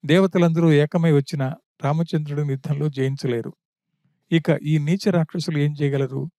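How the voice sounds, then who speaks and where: Brief: a man playing a devoted, wounded younger brother pleading his case in a spoken epic, a little high. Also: steady tone, normal speed, dark tone, no echo, studio quality, lightly acted.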